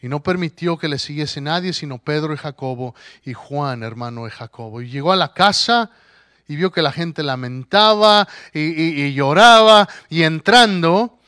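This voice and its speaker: A man preaching a sermon, telling the story with animated character voices and rising to emphatic declarations. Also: sits high, no echo, clean studio sound.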